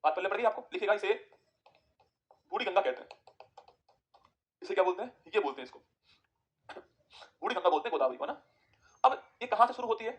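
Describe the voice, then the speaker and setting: A man teaching an exam-prep geography lesson, firing quick questions at students and answering them himself. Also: high-pitched, expressive.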